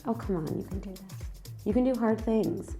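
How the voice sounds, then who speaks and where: A woman's voice: fairly high pitch, a little fast, over music. A woman hosting a casual mukbang chat, talking in a playful, teasing way. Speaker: host.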